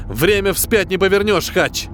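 A man's voice: sits high, animated, a little slow, fairly bright tone, a little hiss or hum, pitched above the performer's own voice. Man playing a tense, commanding spaceship pilot. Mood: firm, irritated. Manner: urgent, firm orders. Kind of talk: science fiction audiobook.

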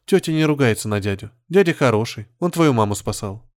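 A man voicing a sharp-tongued young woman in his own plain reading voice. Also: medium pitch, expressive, fairly quick, no echo, clean studio sound, natural voice.

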